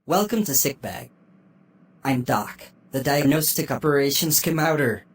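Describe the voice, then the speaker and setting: An actor voicing a calm, polite computerized doctor robot in a gentle care-robot manner, courteous and formal. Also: mid-range voice, a little slow, husky. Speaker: infirmary computer.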